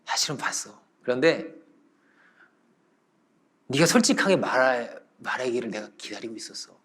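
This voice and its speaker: A man voicing a kind elderly master of a house who speaks softly, low and slowly. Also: animated, slightly rough. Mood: tender. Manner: soft, low and slow.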